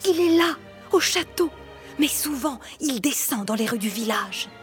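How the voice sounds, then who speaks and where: A woman's voice: sits high, animated, measured pace, faint music behind, pitched above the performer's own voice. A woman doing a frightened whispering villager man. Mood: scared, hushed. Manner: hushed, urgent whispering. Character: frightened timid male villager. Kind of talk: storybook reading.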